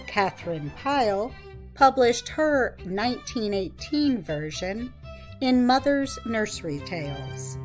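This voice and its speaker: A woman host introducing a story in a slow, carefully enunciated scripted delivery. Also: a little high. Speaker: program host. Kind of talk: scripted learner-friendly introduction. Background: music.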